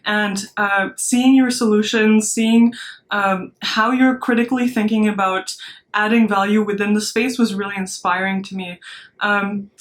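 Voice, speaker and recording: A woman's voice: mid-range voice, fairly even intonation, a little slow. A young woman from Malaysia, a startup founder giving an earnest recorded talk to students, with many ums and restarts. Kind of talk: recorded motivational speech.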